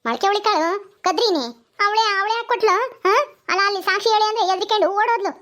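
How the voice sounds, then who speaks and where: A woman's voice: very high-pitched, fast talker, a bit bright. A woman voicing a stubborn, quarrelsome old grandmother in a cartoon comedy, scolding and defiant. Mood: bitter. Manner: scolding, defiant, ends lines with "haa?". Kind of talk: village cartoon comedy voice acting.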